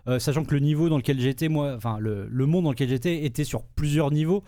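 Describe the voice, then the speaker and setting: Hesitant man chatting, mellow voice. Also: on the high side, fast talker, no echo, clean studio sound. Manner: hesitant, many fillers and restarts. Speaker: podcast host reviewing a game. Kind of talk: casual chat.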